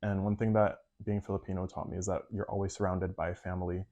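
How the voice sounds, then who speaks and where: Deep, flat-voiced young man designer. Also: quick pace, lo-fi sound. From Panama. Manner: casual, fillers like 'like', soft-spoken. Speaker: fashion designer. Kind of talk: interview answers.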